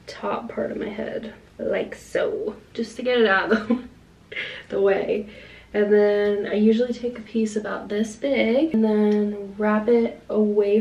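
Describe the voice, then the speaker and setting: A young woman in her twenties from Long Island, USA, with a Long Island American accent, chats casually to camera at home as a vlogger, rambling and saying "like" often. Her mid-range voice is mellow and sits far from the mic. The setting moves from a small indoor room to her home kitchen.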